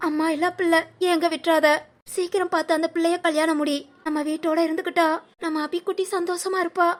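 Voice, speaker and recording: A woman's voice: extremely high pitch, level tone, fast. A woman voicing a scolding, doting village grandmother. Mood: chatty. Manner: scolding, coaxing, sing-song village talk. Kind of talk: animated family story voice acting.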